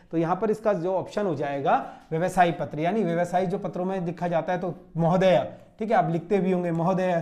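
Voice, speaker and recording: A man's voice: high voice, a little mellow. A young man teaching an exam-solution lesson at a board, drilling points rhetorical questions he answers himself. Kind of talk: classroom exam-solution lecture. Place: classroom standing at a board.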